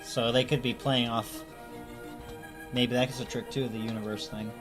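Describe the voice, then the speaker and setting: Laid-back male co-host, mid-pitched, chatty, faint music in the background. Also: normal speed. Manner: relaxed, laughs often, keeps the show moving. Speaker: radio show co-host. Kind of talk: casual chat.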